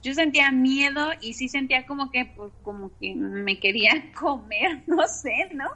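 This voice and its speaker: Woman, interviewee, bright slightly high voice, rambling storyteller heavy on fillers. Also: normal speed. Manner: rambling, repeats words, many fillers. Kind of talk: telling a personal story.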